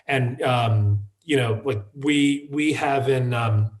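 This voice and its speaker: A man, the founder of a wine shop, telling a personal story in an interview, halting and restarting with many fillers. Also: mid-range voice. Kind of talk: conversational storytelling.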